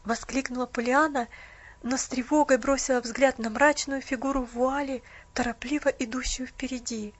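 High-voiced woman narrating a storybook. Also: steady tone, moderate pace, dull audio. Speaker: audiobook narrator.

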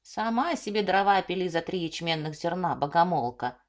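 A woman voicing a hot-tempered red-haired little peasant man in a storybook reading, speaking gruff and defiant. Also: lowish voice, animated, normal speed, natural voice.

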